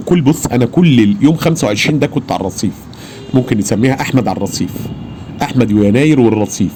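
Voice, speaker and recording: A man with an Egyptian Arabic accent, telling an eyewitness story in an animated, emphatic way. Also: medium pitch, slight background noise. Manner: animated, emphatic, acts out his own shouts. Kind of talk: casual personal storytelling.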